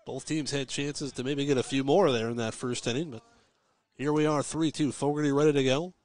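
A man calling live high school baseball on the radio from a ballpark press box, giving steady pitch-by-pitch calls with chatty, folksy asides. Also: a little fast, no echo. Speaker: play-by-play radio announcer. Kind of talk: live radio sports commentary.

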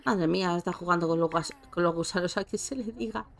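A woman's voice: on the low side, quick pace, gravelly, a little hiss or hum. A woman giving casual, chatty commentary while playing a life-simulation game and talking to her characters. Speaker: gameplay streamer. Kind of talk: casual let's-play commentary.

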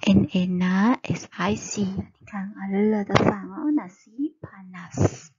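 A Malaysian woman teacher spelling out syllables slowly for young children in a reading lesson. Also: medium pitch, fairly even intonation, darkish tone, breathy edge, highs cut off. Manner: slow, drawn-out spelling of letters and syllables. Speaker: primary school teacher.

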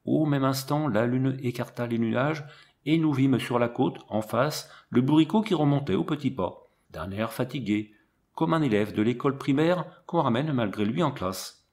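Expressive male audiobook narrator. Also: mid-range voice, moderate pace. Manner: lively, expressive reading. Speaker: audiobook reader. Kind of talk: first-person storybook narration.

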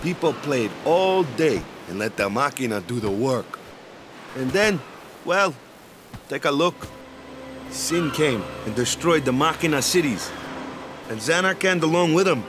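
Wakka, a lively team captain. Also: male voice, fairly high pitch, a little slow, background noise. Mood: earnest, reflective. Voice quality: casual, clipped phrasing with tag questions. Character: friendly brawny male island ball-team captain, easygoing, devout. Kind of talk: video game cutscene dialogue. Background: music.

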